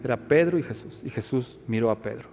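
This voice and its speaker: A man's voice: mid-range voice, a little fast, gravelly, soft background music. Preaching man in a reverberant hall. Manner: swings from hushed intimate questions to loud emphatic preaching. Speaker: pastor. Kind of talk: sermon.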